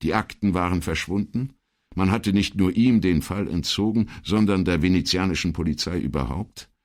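A man reading a crime novel aloud in a measured, expressive way. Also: low voice. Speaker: audiobook narrator. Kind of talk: scripted crime-novel narration.

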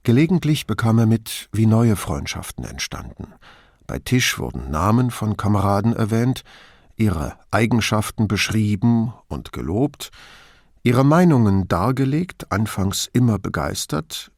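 A man reading an audiobook in a measured, expressive narration. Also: fairly low pitch, no echo, clean studio sound. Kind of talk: scripted narration.

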